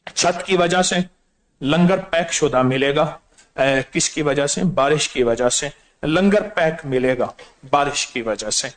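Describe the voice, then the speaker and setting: A man preaching and leading a gathering in prayer, making announcements and urging heartfelt, tearful supplication. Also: fairly high pitch. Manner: impassioned, rising to loud pleading cries. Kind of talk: sermon and congregational prayer.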